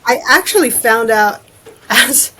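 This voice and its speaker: With a crowd audible behind her, a woman with a fairly high, animated voice takes her time as a podcast guest. She writes adventure fiction and chats informally, wandering into long run-on asides.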